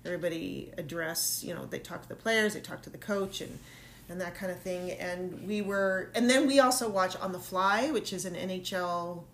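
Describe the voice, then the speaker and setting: A woman's voice: on the low side, normal speed, a bit bright, a little hiss or hum. A woman from Saskatchewan with a Canadian accent, co-hosting a casual hockey chat in a chatty, rambling way and laughing easily. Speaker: podcast co-host.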